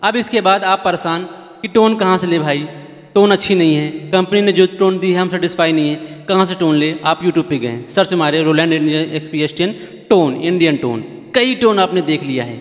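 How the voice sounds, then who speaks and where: High-voiced man giving a chatty keyboard tutorial. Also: moderate pace, big-room sound. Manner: chatty, repeats points, pleads with viewers. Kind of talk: casual how-to tutorial.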